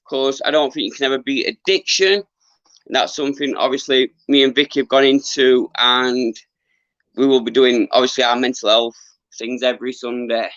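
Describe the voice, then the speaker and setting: A middle-aged man talks casually to his livestream viewers, earnest and rambling, with frequent halts. His voice is mid-pitched and giving out a little. The sound is dry and somewhat muffled, like a lo-fi phone stream. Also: fairly even intonation, normal speed, a bit bright, no echo. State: losing his voice. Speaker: livestream host, former boxer. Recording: dull lo-fi livestream audio.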